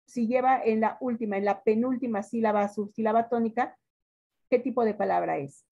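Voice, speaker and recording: A woman teacher with a Mexican accent, giving a classroom lesson, stretching words out slowly and quizzing her students. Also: a little high, vocal fry, dark tone, dull audio.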